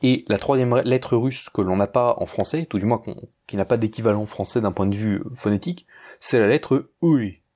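A man giving a casual pronunciation lesson, speaking slowly and repeating words carefully, addressing the listener informally. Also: fairly low pitch, dark tone. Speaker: language teacher.

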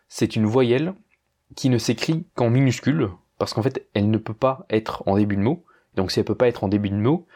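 A man giving a casual pronunciation lesson, speaking slowly and repeating words carefully, addressing the listener informally. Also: on the low side, mellow. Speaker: language teacher.

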